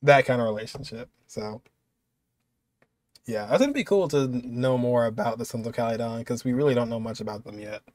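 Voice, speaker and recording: Watching a video, a twenty-something man reacts with loose, spontaneous commentary as a reaction host. He talks fairly quickly in a middle-pitched, darkish voice, with no echo in the audio.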